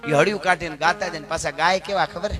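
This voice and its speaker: A man's voice: on the high side, fairly even intonation, quick pace. A man, a folk storyteller performing live in a dramatic, emphatic way. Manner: dramatic, emphatic, slips into characters' voices and chanted verse. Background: accompanying music.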